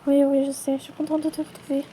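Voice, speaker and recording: A woman acting out a playful toy role-play, switching quickly between many characters in chatty everyday dialogue. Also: sits high, level tone, mellow, a little hiss or hum. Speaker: channel creator voicing every character.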